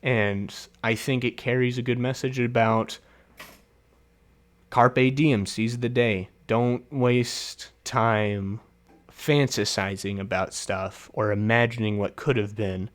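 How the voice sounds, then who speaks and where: A man's voice: medium pitch, steady tone, slow. A man hosting a casual solo film review, chatty and laughing often, with many fillers and restarts.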